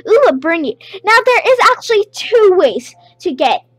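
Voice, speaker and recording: A woman giving casual, rambling gameplay commentary, with excited outbursts. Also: very high-pitched, unhurried, no room sound. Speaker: gameplay video creator.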